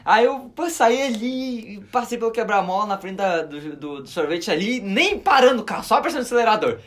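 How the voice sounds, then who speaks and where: A young man with a southern Brazilian accent from Rio Grande do Sul, a podcast co-host telling a story in slangy, animated casual chat. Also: high-pitched, brisk.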